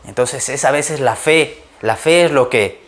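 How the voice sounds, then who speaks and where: A male pastor preaching a sermon, telling personal stories and acting out the voices of the people in them, with loud emphatic bursts. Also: mid-range voice, measured pace.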